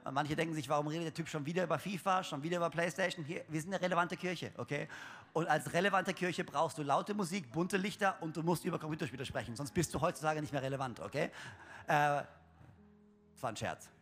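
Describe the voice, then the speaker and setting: A man's voice: on the high side, fast, fairly bright tone. A young man preaching a humorous sermon to his congregation, chatty and joking, with lots of fillers and restarts. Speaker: pastor. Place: church hall. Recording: long hall reverb.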